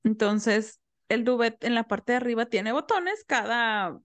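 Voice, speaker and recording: A young woman chats easily as a podcast co-host. Her voice sits a little high. The sound is dry and close. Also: no room sound. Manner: chatty, quick reactions. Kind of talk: casual chat.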